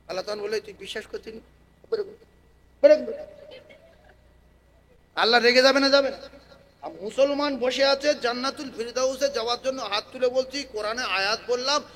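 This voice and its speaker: A male preacher with a very high, piercing voice and a forceful, bright edge. He shifts from low, conversational asides to long, ringing chants, stirring up his listeners with calls they answer back. He speaks into a public address microphone at an open-air gathering. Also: slight background noise, low-quality recording. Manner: swings from quiet talk to loud drawn-out chanting; addresses and rouses the crowd with call-and-response. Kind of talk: Islamic sermon to a gathering. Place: outdoor religious gathering with loudspeakers.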